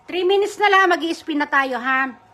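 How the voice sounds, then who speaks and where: Very high, bright-voiced woman live-streaming. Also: moderate pace. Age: adult mother. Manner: chatty, reads viewer comments and gives shout-outs. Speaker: livestream host running a giveaway. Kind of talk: casual live-stream chat.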